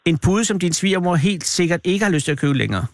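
A man's voice: high voice, animated, no echo. A male radio host interviewing a caller, asking wry, teasing questions.

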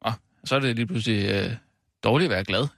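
A man's voice: on the low side, vocal fry, fairly bright tone, no echo. Radio host guy, hesitant, lots of um, keeps coaxing, dry close sound. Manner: hesitant and coaxing, many fillers. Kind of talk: comic radio interview.

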